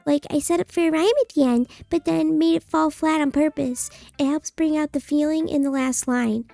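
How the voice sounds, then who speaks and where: Woman putting on a high, bratty anime schoolgirl. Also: steady tone, moderate pace, vocal fry, dark tone, no echo, soft background music. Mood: smug, earnest. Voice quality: cutesy, annoying anime-girl voice.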